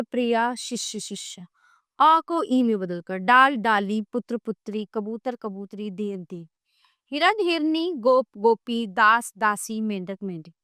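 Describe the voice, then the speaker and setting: A woman reading a textbook grammar lesson aloud, slowly listing example words one at a time with clear pauses. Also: on the high side, sharp tone, dry recording, clean studio sound. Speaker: grammar teacher.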